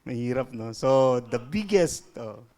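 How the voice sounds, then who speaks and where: Pastor guy, slow easygoing preaching, mixes in english. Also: medium pitch, lively intonation, darkish tone. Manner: mixes English into Tagalog, stretches out key phrases. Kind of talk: casual sermon talk.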